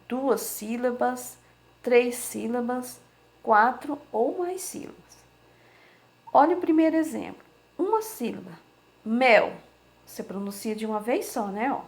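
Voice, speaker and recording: Slow, patient woman teaching children. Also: fairly high pitch, darkish tone. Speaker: primary school teacher. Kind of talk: remote lesson for children.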